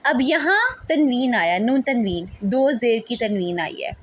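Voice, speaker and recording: A woman's voice: a little high, sing-song. A woman teaching Quran recitation rules, patiently spelling out letters and syllables one at a time. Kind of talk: step-by-step tajweed lesson.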